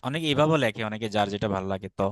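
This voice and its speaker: A man's voice: fairly low pitch, expressive, racing. Patient Bangladeshi man teaching, dry sound. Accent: Bangladeshi Bengali. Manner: patient, repeats sounds for students to echo; mixes English words into explanations. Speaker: Sanskrit teacher. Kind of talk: online grammar class.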